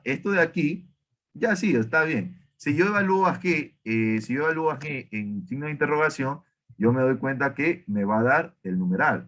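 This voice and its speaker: A man's voice: on the low side, fairly bright tone. Questioning male math teacher. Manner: questioning, self-correcting, many fillers. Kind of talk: online math class.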